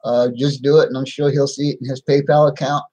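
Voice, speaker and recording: A man speaking without his teeth in a halting, plain-spoken way, repeating himself as he chats casually on a live stream. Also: medium pitch, flat delivery, darkish tone. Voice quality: toothless, slightly slurred speech without dentures. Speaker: livestream host.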